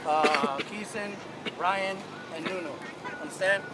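High-pitched football coach giving pep speech. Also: male voice, slow. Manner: emphatic, repetitive exhorting with call-and-response questions. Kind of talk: rousing pregame pep speech to a team. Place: outdoors on a grassy football field. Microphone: camera a few metres away. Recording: noisy outdoor field, team crowd behind.

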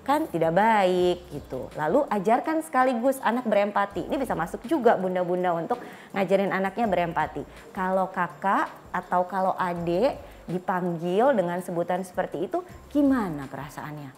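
A woman in her thirties with an Indonesian accent speaks at a fairly low pitch and normal speed, sounding animated, with a little hiss or hum in the audio. As a guest expert, she explains things in informal talk and acts out short parent and child dialogues. She is recorded indoors on a small furnished studio set with a clip-on lapel mic.

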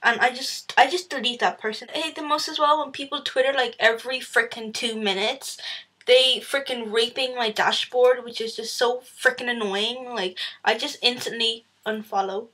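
A woman's voice: a little high, steady tone, moderate pace, sharp tone, slightly rough, low-quality recording. A woman vlogger ranting casually and with exasperation about everyday annoyances, swearing freely.

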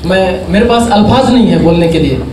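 A man's voice: sits high, animated, brisk. A young man in his twenties, a police recruit, gives an earnest, grateful statement into a handheld mic in a large indoor hall. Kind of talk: testimonial speech. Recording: echoey hall, distant mic, crowd behind.

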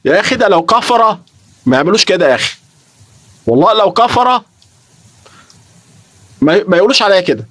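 In a dry recording, a young man from Egypt chats on a live stream with a high, fairly bright voice. He speaks Egyptian Arabic, sounding emotional, repeating himself and swearing oaths along the way.

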